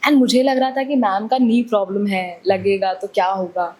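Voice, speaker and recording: A woman's voice: mid-range voice, steady tone, moderate pace, darkish tone. A woman actress, a guest in a casual interview, chatting freely, laughing often and acting out lines quoted from the set.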